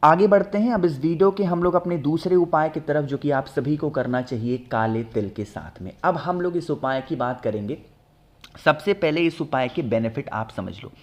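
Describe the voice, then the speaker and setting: A man with a voice on the high side, speaking at a moderate pace, presents astrology remedies in a chatty instructional talk with a product pitch. He explains home ritual remedies, addresses viewers directly, and keeps checking in with a repeated "ठीक है ना".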